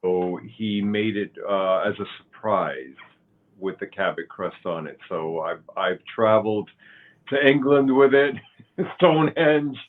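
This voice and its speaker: Cuban-born man, 60s, very deep and unhurried, halting fillers; thin phone-like audio. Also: animated. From Cuba. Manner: slow, halting, with many fillers and restarts. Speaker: guest, author and pagan high priest. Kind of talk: interview conversation.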